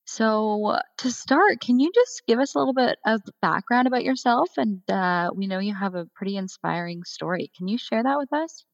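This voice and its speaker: A woman's voice: medium pitch, animated, moderate pace, gravelly, hardly any pauses, dry recording, lo-fi sound. A woman hosting a podcast, reading a scripted introduction and asking questions in an upbeat, welcoming way. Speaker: podcast host. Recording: dry close recording with faint music.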